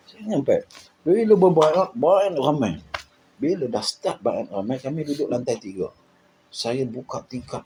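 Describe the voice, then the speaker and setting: A man from Malaysia with a Malaysian accent, casually recounting his journey in an animated way, repeating words and acting out the people he quotes. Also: medium pitch, a little hiss or hum, rough recording. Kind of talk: casual storytelling.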